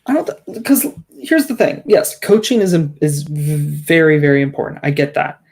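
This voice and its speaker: A man's voice: a little high, normal speed, vocal fry, a little mellow. A man co-hosting a sports podcast in casual chat, emphatic as he argues his points, with frequent restarts. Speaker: podcast co-host.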